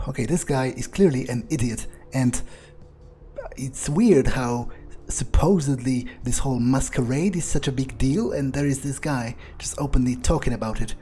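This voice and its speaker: While gaming, a man thinks aloud in character as a cynical, scornful male vampire, sounding hesitant, disdainful and sweary. His medium-pitched voice is dark and measured, with soft music in the background.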